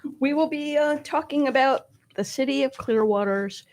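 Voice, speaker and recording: In a radio studio, a woman co-hosts a local talk show, introducing guests and putting friendly questions to them. Her voice is high-pitched and somewhat dark in tone, at a normal pace, and the chat is casual.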